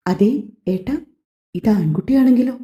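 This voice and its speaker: A woman's voice: a little high, animated, normal speed, voice pushed up, lightly acted. Lakshmi, a woman doing a fond young wife. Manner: affectionate, mildly impatient. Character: young pregnant wife, gently scolding. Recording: echoey, slightly dull home recording.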